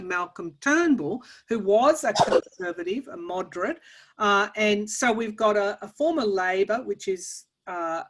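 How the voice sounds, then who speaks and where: A woman's voice: mid-range voice, fairly bright tone. Hesitant Australian woman host. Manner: hesitant, many restarts and fillers. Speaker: tarot channel host. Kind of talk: casual conversation.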